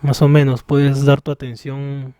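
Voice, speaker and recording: A man teaching a recorded online class, explaining patiently and thinking aloud as he works through software, from a room at home near the street. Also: medium pitch, flat delivery, measured pace, no echo, clean studio sound.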